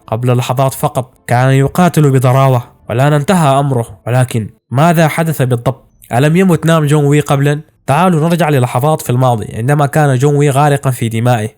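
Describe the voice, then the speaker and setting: A man tells an anime story with dramatic storytelling flair. His pace is quick and pressing, his pitch in a middle range. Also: a little mellow. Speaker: narrator. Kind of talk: anime recap narration.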